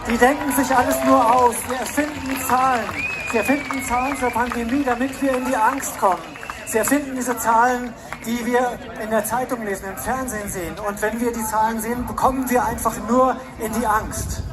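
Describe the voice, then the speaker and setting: A man interpreting a speech at an outdoor rally phrase by phrase, in a brisk, paraphrasing delivery. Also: extremely high pitch, steady tone, music in the background. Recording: crowd and street noise at outdoor rally.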